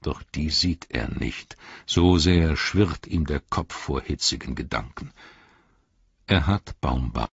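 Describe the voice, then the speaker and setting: Man reading Gandalf, a deep gravelly old wizard. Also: lively intonation, slow pace, no room sound, highs cut off, exaggerated voice. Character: old wise male wizard, wry and grave. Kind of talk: audiobook reading.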